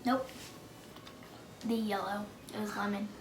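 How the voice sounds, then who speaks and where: A woman's voice: mid-range voice, level tone, a little slow, background noise. A woman hosting a kids' challenge video, chatting casually and playfully as she plays along. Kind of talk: casual playful game chat. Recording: echoey room with loud music.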